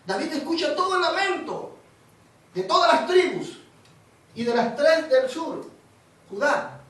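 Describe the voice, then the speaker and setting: A Panamanian man preaching a sermon in an animated storytelling way, repeating words as he goes. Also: extremely high pitch, a little slow, heavy reverb, recorded from a distance, poor audio. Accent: Panamanian Spanish.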